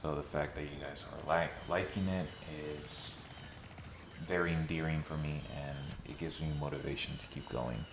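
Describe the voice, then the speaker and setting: A rumbling low male voice with vocal fry and fairly even intonation moves at normal speed. The video essayist chats casually and sometimes sarcastically to his audience from a mostly empty room in his new home, where heavy reverb and background noise color the sound.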